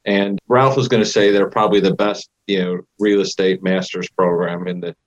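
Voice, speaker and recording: A middle-aged or older man co-hosting a podcast in casual, halting talk that often repeats words. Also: sits low, steady tone, lo-fi sound. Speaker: podcast co-host. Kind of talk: casual interview chat.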